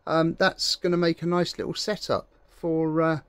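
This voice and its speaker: A man's voice: fairly high pitch, level tone, normal speed, clear, resonant tone, no room sound. A man in his sixties chatting casually and hesitantly as he builds scale models in his hobby room. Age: 60s. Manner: rambling, hesitant, full of ums and restarts.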